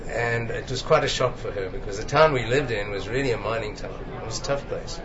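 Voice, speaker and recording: A man's voice: medium pitch, brisk, a crowd in the background. An older man from Zambia, a cardiologist recalling his background thoughtfully with many fillers. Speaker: cardiologist guest. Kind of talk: reflective conversational interview. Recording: dull, noisy conference recording.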